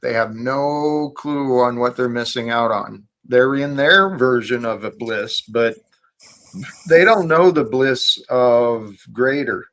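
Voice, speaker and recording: A man's voice: mid-range voice, takes it slowly, a bit bright, poor audio. A man hosting an earnest spiritual discussion in a preachy, emphatic way. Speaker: host of a faith discussion.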